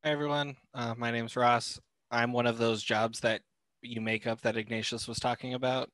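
A man's voice: mid-range voice, normal speed, no echo. Young man, graduate student, easygoing video-call intro, dry close sound. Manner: relaxed, with fillers and restarts. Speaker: graduate liaison. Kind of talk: casual club meeting introduction.

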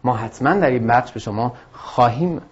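A man teaching an English lesson to students, explaining patiently and addressing them directly. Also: mid-range voice. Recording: dull lo-fi audio.

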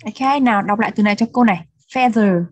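A woman's voice: mid-range voice, muffled recording. A woman teaching English words to children, modelling each word for repetition and praising answers. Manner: models words slowly for repetition, patient and encouraging. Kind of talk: children's English vocabulary drill.

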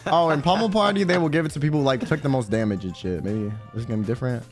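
A man chatting casually while playing a party game, swearing and teasing excitably. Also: medium pitch, fast. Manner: foul-mouthed, teasing, excitable. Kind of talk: casual gaming chat. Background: game music.

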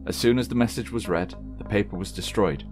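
A man reading a scripted horror story aloud in a measured, solemn way. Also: on the low side. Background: faint background music.

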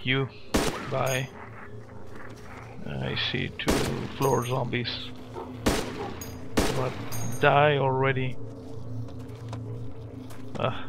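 A man with a gravelly, creaky voice mutters short lines to himself as he plays, speaking slowly and flatly. He swears at the enemies in clipped bursts. Loud gunfire keeps cracking behind his voice. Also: medium pitch, heavy background noise. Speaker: gamer. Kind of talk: gameplay commentary.

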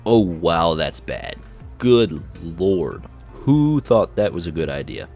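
A man's voice: low voice, big pitch swings, takes it slowly, a little mellow, soft background music. A man casually chatting through a snack taste test, joking and reacting with exaggerated disgust. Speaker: vlogger reviewing snacks.

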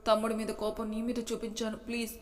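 A woman's voice: a little high, completely flat delivery, quick pace, reverberant, long reverb tail, close to an everyday voice. A woman voicing a tearful, hurt young wife who pleads emotionally, in a storybook reading. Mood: pleading.

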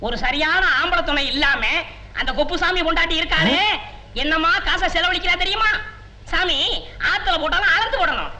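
A meek, deferential villager. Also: male voice, very high voice, fairly quick, bright, forceful tone, full character voice.

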